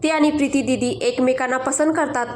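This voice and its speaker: A woman voicing a gentle, anxious young wife in a storybook, pleading hesitantly. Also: high-pitched, fairly even intonation, a little fast, roomy sound, close to an everyday voice.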